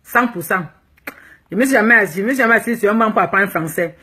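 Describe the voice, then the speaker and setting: A woman's voice: mid-range voice, quick pace, sharp tone, husky. A woman from Cameroon with a Cameroonian French accent, a fashion blogger answering viewers' comments live in a frank, teasing way and slipping English phrases into her French. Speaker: plus-size fashion blogger.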